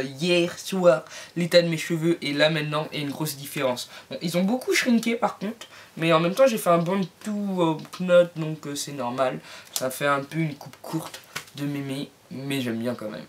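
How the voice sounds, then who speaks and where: A woman's voice: low-pitched, moderate pace. Playful woman chatting through a beauty review. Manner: playful, jokey asides to viewers. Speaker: beauty vlogger. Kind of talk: casual product review vlog. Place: home.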